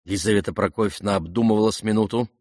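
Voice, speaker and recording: A man narrating a classic novel as an audiobook in a measured, steady reading. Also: on the low side, dry recording, studio quality.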